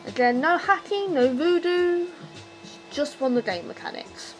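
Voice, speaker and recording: A woman's voice: high voice, animated, moderate pace, soft background music, poor audio. A drunk woman on a rambling, unscripted rant about her hobby, loose-tongued, opinionated and emphatic in an exasperated way. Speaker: video game commentator.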